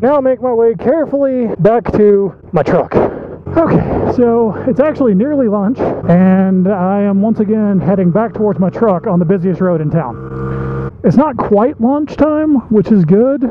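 A man giving excitable, joking commentary to his viewers while riding a small motorbike through town traffic, recorded outdoors on the road. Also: high voice, measured pace. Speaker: motovlogger. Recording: dull muffled sound with loud road and wind noise. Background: traffic and engine noise.

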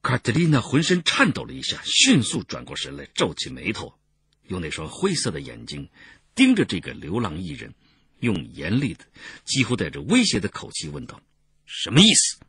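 A man reading a historical novel aloud in a dramatic audiobook narration, swinging expressively between loud and soft passages. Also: fairly low pitch, huge pitch swings, moderate pace, creaky, breathy edge, no room sound.

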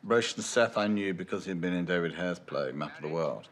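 A man's voice: low voice, expressive, a little fast. An older man, a screenwriter, answering interview questions in a thoughtful, musing way, often restarting phrases and adding "you know". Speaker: screenwriter interviewed about his film. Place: dim indoor room with lamps behind. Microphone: medium shot, seated, unseen mic.

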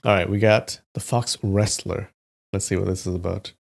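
A man reading old folktales aloud and breaking off for relaxed, joking asides to his viewers. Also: deep voice, normal speed, gravelly. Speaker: YouTube history host.

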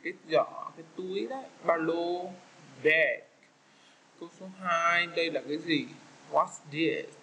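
Male teacher with a Vietnamese accent, slightly high and bright voice, slow and patient, faint hiss behind. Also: poor audio. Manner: patient, repeats English words slowly for kids. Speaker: English teacher for young children. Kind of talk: slow walkthrough of a children's English exam.

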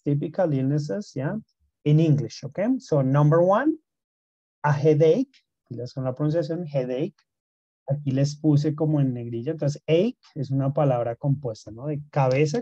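Mellow-voiced teacher. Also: male voice, mid-range voice, no echo. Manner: mixes Spanish and English, frequent "¿no?" and "¿listo?" checks. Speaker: English teacher. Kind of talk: online class explanation. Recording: dull lo-fi sound.

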